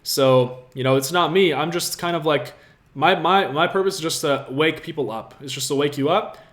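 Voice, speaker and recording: A man's voice: a little high, normal speed, a bit bright. Upbeat young man hosting a livestream. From Latvia. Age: 20s. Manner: upbeat, motivational, talks straight to viewers. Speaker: livestream host answering viewer questions. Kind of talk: casual livestream Q&A. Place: apartment room with a city view.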